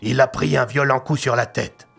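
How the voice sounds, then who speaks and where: A weary police commissioner with a mustache, in an audio story, voiced by a man. His voice is gravelly, and his manner is dry and matter-of-fact. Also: medium pitch, steady tone, normal speed, a bit bright, soft background music. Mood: calm.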